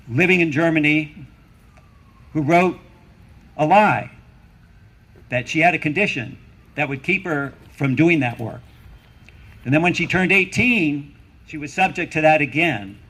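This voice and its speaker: A middle-aged or older man giving a rally speech as a professor, emphatic and deliberate, building on repeated phrases and rhetorical questions. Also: on the high side, fairly bright tone, slightly rough. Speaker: university professor speaking at a rally.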